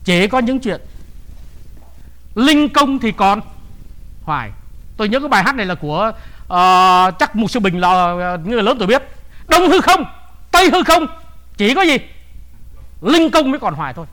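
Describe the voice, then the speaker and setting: A man preaching a sermon in a high, lively voice. He leans on his words and keeps asking the congregation questions, then answers them himself. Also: moderate pace, pauses often. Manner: emphatic, asks the congregation questions. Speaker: pastor.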